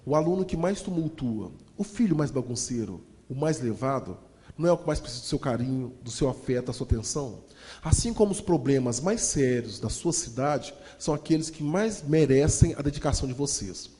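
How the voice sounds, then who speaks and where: Man, Brazilian Portuguese accent, motivational storyteller, lively, audience-facing, mellow, long hall reverb. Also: medium pitch, a little fast. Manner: lively, acts out voices, addresses audience as "gente".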